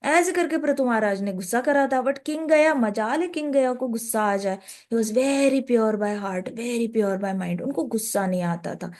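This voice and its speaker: A woman's voice: fairly high pitch, unhurried, darkish tone. A woman giving a conversational scripture talk as a devotional speaker, often mixing in English phrases.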